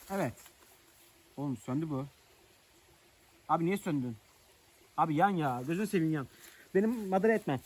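High-voiced man chatting outdoors. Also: a little mellow, husky. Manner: chatty, joking, talks to viewers while working. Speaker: village outdoor vlogger. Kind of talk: casual chat to camera. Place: outdoors in rural nature.

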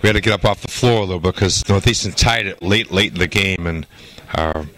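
Older male coach, low-pitched, measured and halting post-game answers, handheld interview mic. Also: a bit bright, rough recording. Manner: measured, halting with many "uh" fillers. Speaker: hockey coach. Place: indoor arena interview backdrop. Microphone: handheld mic held by interviewer.

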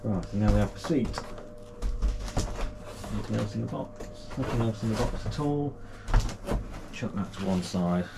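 With a fairly low, creaky but animated voice, a UK man who runs a kayaking channel chats through a casual unboxing at normal speed, leaving long pauses. Indoors in his small home gaming room, he's enthusiastic and full of fillers and restarts, and the audio is very noisy.

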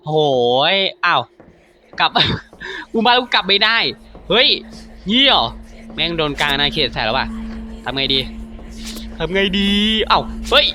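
A man commenting casually on a horror game as he plays, excitable and jumpy, swearing freely. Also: a little high, measured pace, long pauses, faint music behind. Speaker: gaming YouTuber.

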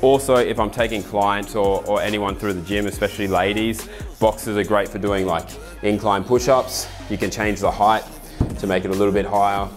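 Aussie guy in his 30s showing off his home gym, lowish voice, chill and keen, little music underneath. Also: moderate pace. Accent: Australian. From Australia. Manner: relaxed, enthusiastic, explains with asides. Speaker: fitness ambassador giving a gym tour. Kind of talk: casual walkthrough to camera. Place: home garage gym with roller door, indoors.

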